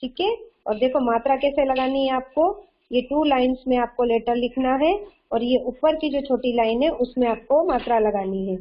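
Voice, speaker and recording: A woman teaching a kindergarten class online, slow and patient, often repeating herself and quizzing the children. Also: high voice, muffled recording. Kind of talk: online kindergarten Hindi lesson.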